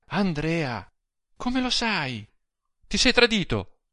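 A man's voice: a little high, sing-song, slow pace, bright, forceful tone, dry recording, clean studio sound, pitched above the performer's own voice, exaggerated voice. A man reading an audiobook, voicing a small, frail young woman who pleads anxiously. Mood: frightened.

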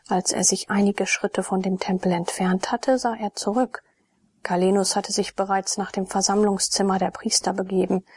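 A woman narrating a classic novel in a soft, often unvoiced whisper, as a whispered audiobook reading. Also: medium pitch, husky, dry recording.

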